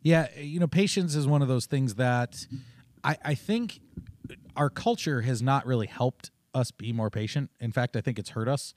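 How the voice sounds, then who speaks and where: A man co-hosting a laid-back faith talk show, wandering through stories with restarts and asides. His voice sits at an ordinary pitch. The sound is dry and close, with no room around it. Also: moderate pace, darkish tone, no room sound. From Oregon, United States. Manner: rambling, storytelling with many restarts. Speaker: podcast co-host. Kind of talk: casual faith chat.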